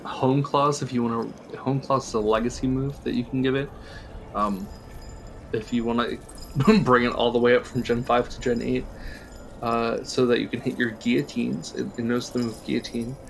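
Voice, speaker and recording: Gravelly man explaining game strategy. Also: mid-range voice, flat delivery, moderate pace, slight background noise. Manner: explains game strategy at length, chuckles often. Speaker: podcast co-host. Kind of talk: casual chat.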